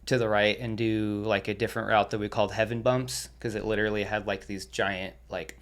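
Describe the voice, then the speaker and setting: A young man sits in as a podcast guest and tells his stories in a relaxed, rambling way. He swears freely and laughs between the stories, and his voice sits a little low. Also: a little fast. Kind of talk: casual storytelling.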